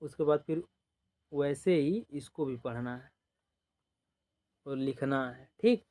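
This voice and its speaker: A man's voice: mid-range voice, warm tone. A man teaching a basic number-system lesson step by step, patiently repeating numbers and often saying "dekhiye" and "ok". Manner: explains patiently, repeats numbers, drawn-out counting. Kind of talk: slow step-by-step classroom teaching.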